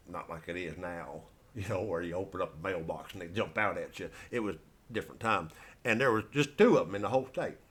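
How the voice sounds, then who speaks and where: An American stand-up comedian tells rambling comic stories in a folksy, colloquial, meandering style. His voice sits low with a fairly bright tone.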